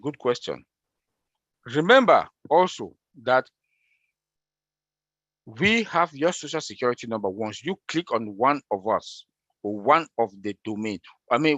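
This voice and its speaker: An excitable man who repeats himself while answering questions in a casual online meeting. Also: mid-range voice, normal speed, dry recording, lo-fi sound. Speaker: presenter answering member questions.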